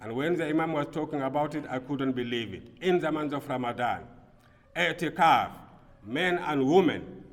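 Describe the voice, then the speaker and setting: A man from Burkina Faso giving a Friday sermon as imam, earnest, swinging between quiet passages and emphatic bursts. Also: medium pitch. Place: mosque prayer hall. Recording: long reverb of a mosque hall.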